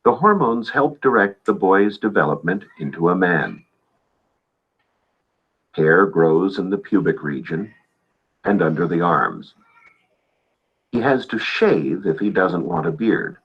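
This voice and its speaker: A man giving calm, matter-of-fact scripted narration for an educational film, heard on a dull lo-fi soundtrack. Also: low voice, slow, long pauses, husky.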